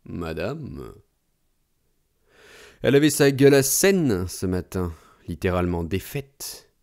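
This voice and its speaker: Deep-voiced man reading a novel aloud. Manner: measured and expressive reading. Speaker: audiobook narrator. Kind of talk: literary audiobook narration.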